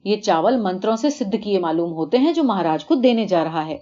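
A woman's voice: medium pitch, lively intonation, mellow, natural voice. Woman reads bossy, suspicious male palace official in a storybook; muffled lo-fi.

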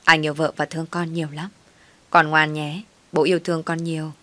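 A woman's voice: low voice, level tone, a little fast, fairly bright tone. A woman voicing a sulky, self-serving young husband who talks curtly. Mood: flattering. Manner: curt and dismissive.

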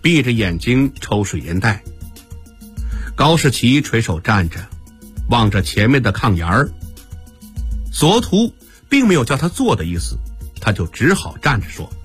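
A man narrating a historical radio story in an expressive storytelling style. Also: medium pitch, moderate pace, long pauses, breathy edge, faint music behind.

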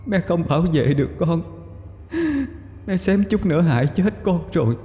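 A man raising his voice to play a young woman's ghost, grieving and vengeful. She drags each line slowly, her dark, mellow tone trailing off into a long hall-like reverb. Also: fairly high pitch, very animated, pitched above the performer's own voice. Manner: anguished, bitter lament.

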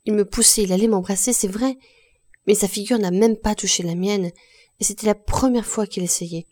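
A woman's voice: on the low side, fairly even intonation, moderate pace, mellow, no echo, studio quality, natural voice. A woman reading the part of a distressed young laundress, speaking earnestly and pleadingly in an audiobook.

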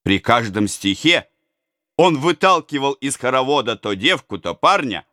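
Slow expressive male narrator. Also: mid-range voice, no room sound, studio quality. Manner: measured, expressive reading. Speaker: audiobook narrator. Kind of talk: scripted narration.

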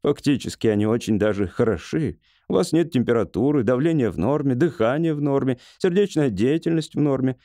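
A man voicing a patient middle-aged doctor in an audiobook, speaking in a measured, reassuring way. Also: mid-range voice, lively intonation, mellow, dry recording, clean studio sound, voice pushed up, close to an everyday voice. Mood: calm. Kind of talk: audiobook character voice.

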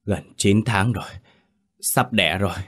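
An actor playing an irritable, haunted rich old man who speaks gruffly and hoarsely. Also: lowish voice, a little slow, fairly bright tone. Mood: uneasy.

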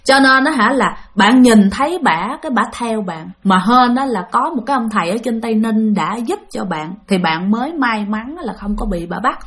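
A woman with a Southern Vietnamese accent narrates a ghost story for her channel in a chatty, conversational way, talking straight to her listeners. Her voice sits fairly high and moves a lot in pitch. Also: lively intonation, normal speed, few pauses, fairly bright tone. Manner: chatty, addresses listeners often.

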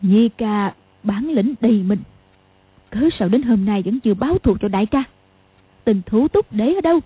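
A woman's voice: a little high, animated, normal speed, slightly rough, no room sound. A woman voicing a bitter, vengeful crippled old woman with a harsh, scolding manner, for an audiobook. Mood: demanding. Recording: tinny lo-fi audio.

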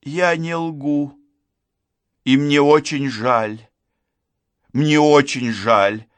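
A man reading an audiobook, voicing a guilt-ridden young woman who sobs and apologizes in a halting way. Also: on the high side, steady tone, no echo, voice pushed up. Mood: tearful pleading.

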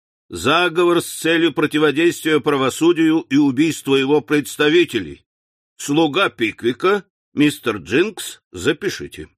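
A man's voice: a little high, lively intonation, a little slow, dry recording, clean studio sound. A man doing a pompous, blustering old magistrate. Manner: blustering, bullying. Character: pompous irascible male provincial magistrate. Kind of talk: audiobook character voice.

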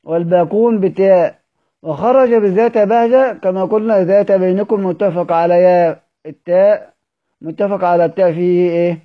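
Egyptian male teacher, high voice, quizzing students, dull lo-fi recording. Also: moderate pace. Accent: Egyptian Arabic. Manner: explanatory, quizzing students with questions and answering himself. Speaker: Quran recitation teacher. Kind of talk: recorded study-circle lesson.

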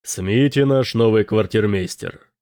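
A man voicing a steady pirate officer who runs a crew vote in a matter-of-fact way. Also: on the low side, unhurried, no room sound, studio quality. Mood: resigned.

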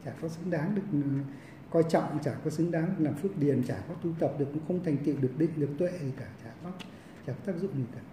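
A man, a Buddhist monk giving a Dharma lecture in a halting way, full of repeated fillers and restarts, recorded in a monastery hall. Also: on the high side, mellow, slight background noise. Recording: roomy echo, mic at a distance.

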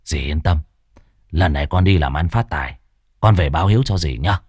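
A man voicing a rough, thieving young village man in a spoken ghost story, gruff and coarse in speech. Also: very deep voice, fairly quick, a little mellow, no room sound, studio quality, voice pushed down. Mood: wheedling.

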